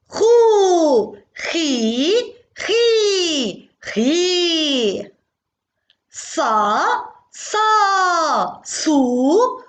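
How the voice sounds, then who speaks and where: A woman teaching a phonics lesson to young children, sounding out syllables in slow, sing-song repetition. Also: sits high. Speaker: kindergarten teacher.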